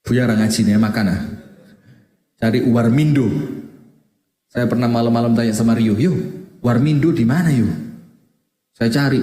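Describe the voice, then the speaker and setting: A man's voice: medium pitch, mellow. A man giving a chatty, joking sermon, mixing in Javanese words and reciting Quran verses. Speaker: Islamic preacher. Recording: echoey hall.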